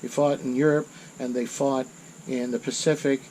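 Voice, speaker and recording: A middle-aged channel host tells a war story in a casual, rambling monologue, correcting himself and rising in intensity at dramatic moments. His medium-pitched voice is flat, darkish and moderately paced, on a low-quality recording with slight background noise.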